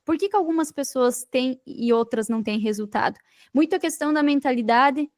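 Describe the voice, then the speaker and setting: This high-pitched woman speaks with a Brazilian Portuguese accent while guesting on a podcast, recounting her path as a digital marketing entrepreneur. She leans on repeated phrases and rhetorical questions, storytelling emphatically in an interview style. The sound is clean studio audio with no room sound.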